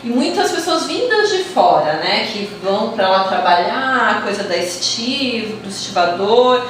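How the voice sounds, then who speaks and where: A woman's voice: medium pitch, a little slow, a little hiss or hum. Chatty Brazilian woman in echoey room. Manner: talkative, animated, acts out quoted voices. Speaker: theater project researcher. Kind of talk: casual conversation. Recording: echoey room, distant mic.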